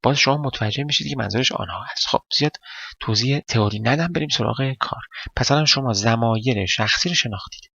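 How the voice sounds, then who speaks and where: Gravelly-voiced man teaching a language lesson. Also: mid-range voice, pushed and bright, no room sound. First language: Persian. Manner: explains step by step, quizzes the viewer, thinks aloud while writing. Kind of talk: casual spoken lesson. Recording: dry, slightly dull recording.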